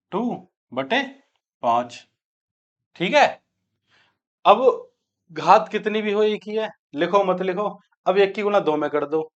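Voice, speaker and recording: Male maths tutor, high voice, quizzes the class and answers himself, muffled lo-fi sound. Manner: asks students questions and answers them himself; repeats key steps aloud while writing. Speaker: maths teacher. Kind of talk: exam-prep maths lecture. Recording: dull lo-fi sound.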